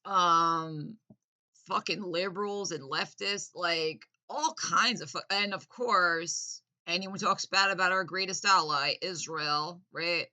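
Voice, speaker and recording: A woman's voice: fairly low pitch, sharp tone. A woman delivering a sarcastic, mock-earnest political rant, sometimes laughing at her own irony. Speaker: satirical commentator.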